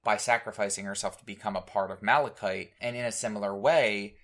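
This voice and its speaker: Animated podcast co-host, a man. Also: fairly low pitch, a little fast. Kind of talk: casual fan discussion.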